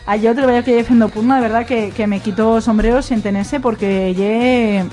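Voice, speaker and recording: Aragonese woman, fairly high voice, rambling and emphatic panel guest, faint music under. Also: steady tone, moderate pace, warm tone. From Aragón. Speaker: radio show guest. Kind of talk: casual roundtable chat.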